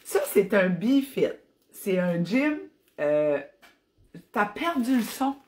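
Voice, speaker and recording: A woman's voice: mid-range voice, sing-song, slow, darkish tone. A woman with an Acadian French accent from New Brunswick, chatting enthusiastically on a fitness live stream and slipping in English phrases. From New Brunswick, Canada. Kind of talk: casual live-stream chat.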